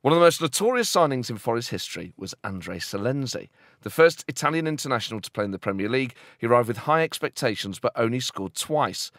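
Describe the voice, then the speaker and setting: A man's voice: medium pitch, lively intonation, fast talker, hardly any pauses, fairly bright tone, no room sound, studio quality. A man hosting a podcast, teasing his guest and reading playful mock-serious bits. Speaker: podcast host. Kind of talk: casual chat with mock-serious scripted bits.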